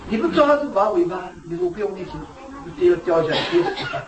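Guy giving a buddhist talk, kinda high voice, echoey room, mic far off. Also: animated, fast, background noise. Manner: storytelling, asks rhetorical questions. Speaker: Buddhist teacher. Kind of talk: dharma talk.

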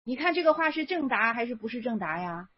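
A woman's voice: a little high, very animated, fast talker, slightly rough. A woman giving a chatty, casual spoken lecture on Zen Buddhist stories, repeating herself with lots of fillers. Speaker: Buddhist teacher. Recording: dull lo-fi recording.

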